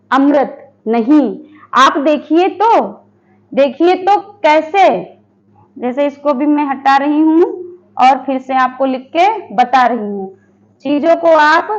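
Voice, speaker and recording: Woman Hindi teacher, high voice, exam-prep lesson, repeats words slowly, dull lo-fi sound. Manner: asks questions and answers them herself, repeats words slowly.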